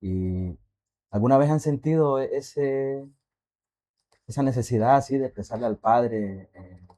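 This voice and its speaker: A man on a faith podcast telling a personal testimony in a halting, reflective way, asking the listeners questions. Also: mid-range voice, warm tone. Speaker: podcast co-host.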